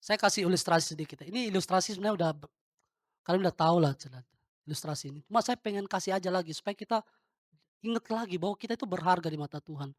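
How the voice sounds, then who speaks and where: A man's voice: sits high, racing, no echo, clean studio sound. A male pastor giving an informal sermon, talking straight to the congregation and throwing questions at them.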